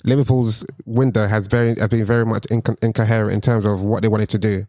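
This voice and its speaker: A man rants about refereeing in casual podcast banter. He talks quickly, restarting phrases as he goes, and the close mic leaves his voice dry with no room sound. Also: on the low side, level tone, a little mellow, dry recording. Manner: rapid, restarts often, says "yo" and "bruv". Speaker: podcast co-host.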